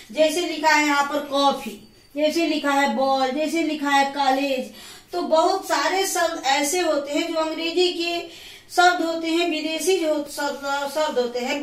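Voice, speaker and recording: High-voiced woman teaching in an echoey room. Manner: patient, repetitive explaining with examples. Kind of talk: Hindi grammar lesson. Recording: roomy echo, voice from a distance.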